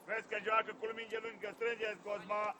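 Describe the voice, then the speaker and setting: A man's voice: high voice, completely flat delivery, a crowd in the background. A man coaching an amateur football match from the sideline, calling players by name with urgent commands. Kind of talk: shouted touchline instructions. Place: outdoor amateur football pitch.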